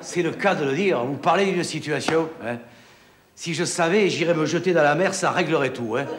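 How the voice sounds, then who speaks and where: A man's voice: on the high side, moderate pace, roomy sound, natural voice. A man playing a mock-heroic young son. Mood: musing. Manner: hesitant, then boastful and mock-heroic. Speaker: sitcom actor playing Rodrigue in a parody.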